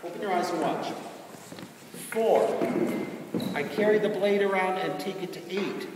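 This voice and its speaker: Male fencing coach, high-pitched for a man, clipped crisp commands and demonstrations, recorded far from the mic in a reverberant hall. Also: measured pace. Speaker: fencing coach teaching a group lesson. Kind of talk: instructional demonstration with drill commands. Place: large reverberant indoor hall, recorded from a distance. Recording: echoey hall, distant mic, loud background noise.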